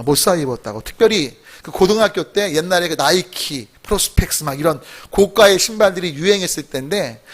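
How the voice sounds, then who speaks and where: High-voiced man preaching a sermon. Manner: storytelling, asks the congregation questions; rises to emphatic exclamations. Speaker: pastor.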